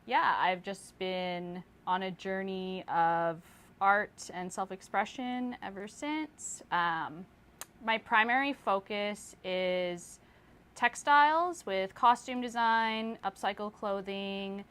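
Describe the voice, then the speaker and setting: A young woman artist with roots in the Philippines and Toronto chats casually as an interview guest. Her medium-pitched voice is slow and smooth, and she's relaxed, saying "um" and "like" a lot.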